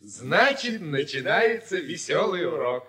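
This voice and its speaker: An actor playing a cheeky adult pupil who brushes off his mistakes with quick, confident excuses in a scripted radio comedy. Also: on the high side, big pitch swings, bright, forceful tone, full character voice.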